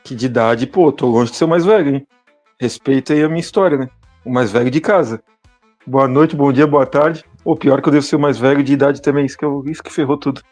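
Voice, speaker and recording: A man's voice: mid-range voice, fast, a little mellow, faint music behind. A man commenting on a podcast in a casual chat, joking and self-mocking, with a Brazilian Portuguese accent.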